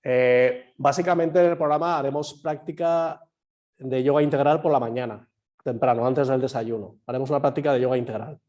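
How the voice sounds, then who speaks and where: Guy teaching yoga over a video call, a bit hoarse, explains slow and asks the class stuff. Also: mid-range voice, darkish tone. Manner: explains patiently, quizzes students, many fillers. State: slightly hoarse. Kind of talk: online class lecture. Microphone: computer mic on a video call.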